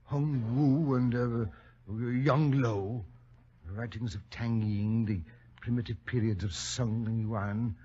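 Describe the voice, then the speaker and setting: An actor playing a loyal, blustery British gentleman doctor, stammering and flustered, in 1940s radio drama style. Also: mid-range voice, steady tone, slow pace, slight background noise, lightly acted. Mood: nervous. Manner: flustered, stammering, spluttering with indignation. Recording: muffled vintage radio recording.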